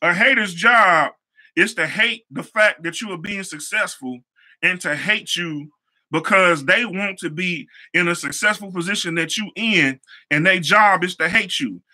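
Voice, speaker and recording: Young male host, high and piercingly bright tone, loose conversational storytelling with slang and repeated phrases. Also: measured pace. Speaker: show host, hair stylist. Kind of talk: casual motivational storytelling.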